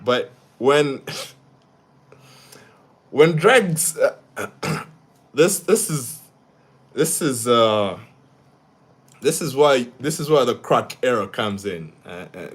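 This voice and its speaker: A young Ugandan man hosts a live stream, talking through social issues and reading viewer comments while often repeating words and restarting sentences. He asks "yeah?" after each point. His medium-pitched, slightly rough voice is animated but slow, with frequent pauses.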